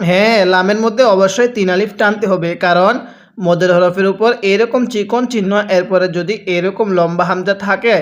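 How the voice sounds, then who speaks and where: A man teaching Quran reading step by step, who has his learners repeat after him and draws the recited words out slowly. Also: high-pitched.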